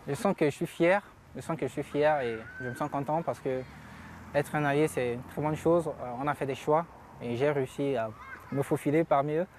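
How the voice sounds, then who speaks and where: A man's voice: on the high side, moderate pace, darkish tone, slight background noise. A young man speaking earnestly in a documentary interview as a newcomer youth, with a few hesitant fillers.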